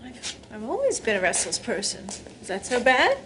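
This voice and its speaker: A woman's voice: on the high side, wildly swooping pitch, moderate pace, a bit bright, slight background noise. An actress playing a restless, defiant young woman in a soap opera. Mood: defensive, defiant. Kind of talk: television soap opera acting.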